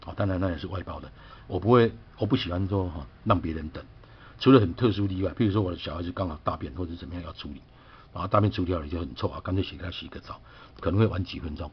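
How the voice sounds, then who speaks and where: Husky low-voiced man telling a grievance. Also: rapid-fire, lo-fi sound. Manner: chatty, aggrieved, asks "对不对" often. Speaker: vlogger. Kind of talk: casual personal storytelling.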